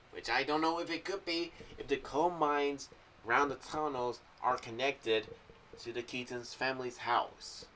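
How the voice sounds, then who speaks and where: Sharp in tone and fairly low in pitch, a young adult YouTuber offers loose, rambling commentary and theories about an audio drama series. He's in a small home room, speaking slightly off-axis to a condenser mic with a pop filter on a boom arm, which leaves a slightly distant sound and faint background noise.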